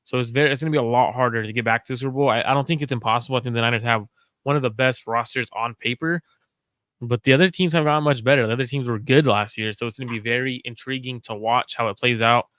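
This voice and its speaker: A man hosting a casual sports chat, analytical and measured, repeating his main points. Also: mid-range voice, steady tone, a bit bright, no echo. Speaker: host.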